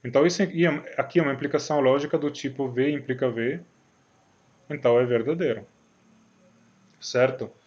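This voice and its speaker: A man's voice: medium pitch, fairly quick, long pauses, darkish tone, highs cut off. A man from Italy with an Italian accent, giving a recorded university logic lecture in a hesitant way, with many fillers and frequent checks on the listener.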